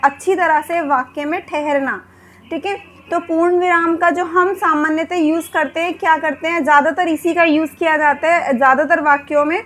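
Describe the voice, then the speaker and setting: Her voice sits high with a fairly bright tone as she runs a Hindi grammar lesson aimed at exams. She answers her own questions and keeps saying "ठीक है" as filler.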